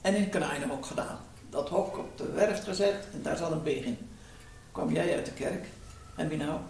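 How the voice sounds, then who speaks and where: An elderly woman reminisces casually. Her voice is creaky and sits far from the microphone in a very echoey room, on a noisy old tape. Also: low-pitched, normal speed, darkish tone. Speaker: interviewee recalling wartime memories. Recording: distant, very echoey, hissy home tape.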